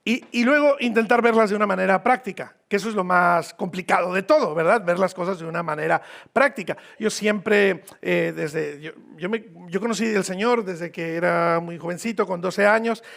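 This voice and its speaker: A visiting pastor from Mexico preaches a sermon in a church hall with a Mexican accent, informal and joking, repeating phrases for emphasis. His high, slightly bright voice has vocal fry, moving at normal speed with few pauses.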